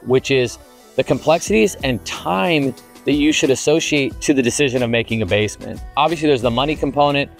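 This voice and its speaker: A man in his thirties talks through a construction site on a lapel mic, earnest and methodical, with the odd filler word as he explains each step. His voice sits at an ordinary middle pitch. Soft music plays faintly underneath. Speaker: home builder. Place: outdoor construction site, basement pit.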